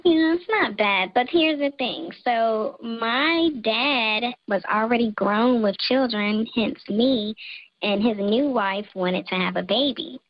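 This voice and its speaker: A woman's voice: fairly high pitch, slow pace, dull audio. A woman calling in to a radio show to confess a family secret, her voice run through a voice changer. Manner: hesitant, storytelling, embarrassed. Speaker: caller. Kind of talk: phone-in confession.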